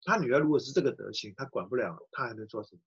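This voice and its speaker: A middle-aged man preaches through a personal story, his husky voice rising and falling with lively pitch. The recording is dull and lo-fi. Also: very fast. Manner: animated storyteller acting out quoted voices. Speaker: pastor. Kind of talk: sermon storytelling.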